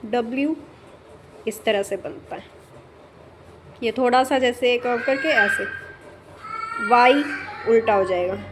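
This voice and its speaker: A woman teaching shorthand in a casual spoken lesson, explaining slowly with many fillers and checking in often, her voice dropping softer as she writes. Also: a little high, noisy background.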